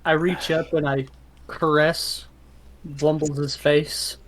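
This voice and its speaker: Slow hesitant guy playing a tabletop game, kinda high voice. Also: little pitch movement, fairly bright tone, a little hiss or hum. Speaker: player. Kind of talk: casual tabletop play.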